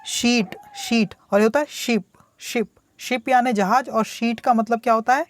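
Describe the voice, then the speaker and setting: This tutorial has a man explaining English words in Hindi with a very high voice and fairly even intonation. He is patient, repeats himself, asks the student questions only to answer them himself, and reads the English examples slowly.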